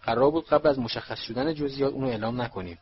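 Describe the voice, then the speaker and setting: A man's voice: mid-range voice, husky, lo-fi sound, close to an everyday voice. A man voicing a stiff, precise older male bureaucrat who speaks curtly and impatiently. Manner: curt, impatient, clipped.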